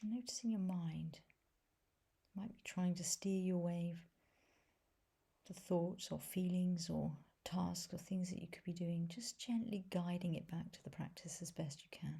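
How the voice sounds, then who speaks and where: A meditation teacher leads a guided body scan in a fairly low, dark, mellow voice that's husky and breathy. She speaks softly and gently, leaving long pauses between short phrases.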